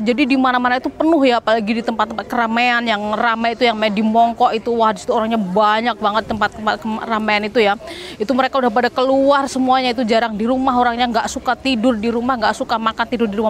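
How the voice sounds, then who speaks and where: A woman from Indonesia chatting casually to camera, with lots of fillers and tag words. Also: fairly high pitch. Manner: chatty, many fillers and "gitu ya". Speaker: vlogger. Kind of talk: casual chat. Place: Hong Kong.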